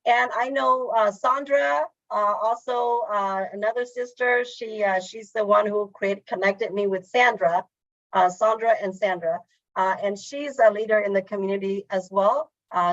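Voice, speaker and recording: A woman hosting an online meeting in casual talk, halting and full of fillers. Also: medium pitch, no room sound. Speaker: meeting host. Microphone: video call. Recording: dull lo-fi call audio.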